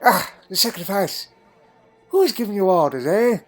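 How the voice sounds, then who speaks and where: In a fan audio drama with faint music behind him, a man voices a fussy, crotchety old time traveller with dry wit, full of questioning hums. His voice sits high and is animated at normal speed, with a wry, wary mood.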